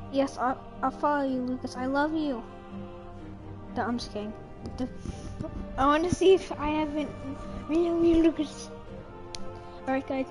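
A young woman livestreaming, singing along to a song and then chatting with her viewers. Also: sits high. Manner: sings along to music, then chats quickly with viewers. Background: music playing.

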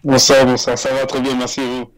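A man in his thirties from France, a footballer, being interviewed over a video call with earphones, talking in a relaxed, measured way with many fillers. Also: mid-range voice, rough recording. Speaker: guest, footballer. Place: small indoor room. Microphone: earphone headset on video call.

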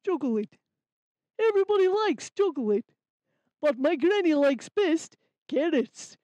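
A woman's voice: high voice, sing-song, a little slow, warm tone, dry recording. Warren, a woman playing a chirpy childlike rabbit boy. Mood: cheerful. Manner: simple, careful childlike speech. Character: cheerful young male rabbit, childlike and earnest. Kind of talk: children's puppet story. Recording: slightly dull lo-fi sound.

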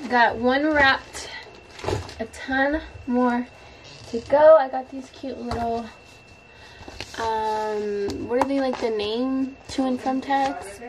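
A woman's voice: high voice, steady tone, takes it slowly, poor audio. A woman in her twenties giving an informal, rambling vlog chat. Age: 20s. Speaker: vlogger.

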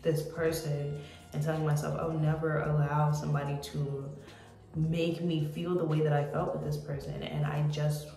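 A woman's voice: low voice, flat delivery, dark tone. Candid American woman in an echoey room. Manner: candid, reflective, pausing, sweary. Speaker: vlogger. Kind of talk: casual confessional rant to camera. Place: small indoor room. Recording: echoey room with music behind.

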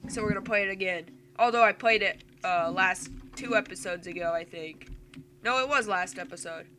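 A male gamer doing casual let's-play commentary, reacting excitably to the game with frequent yelps and laughs. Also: sits high, brisk, slight background noise. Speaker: gameplay commentator.

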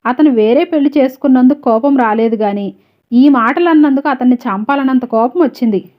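A woman's voice: sits high, fairly quick, close to an everyday voice. A woman reading the lines of a proud, wronged young wife who speaks bitterly about her family. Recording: slightly dull, lo-fi audio.

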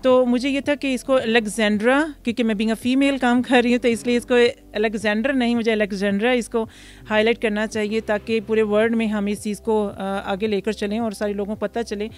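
A woman in her thirties from Pakistan, a restaurant founder answering interview questions outdoors into a handheld mic, pausing often with fillers. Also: on the high side, flat delivery. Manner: hesitant, many fillers, mixes English words. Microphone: handheld mic held by interviewer.

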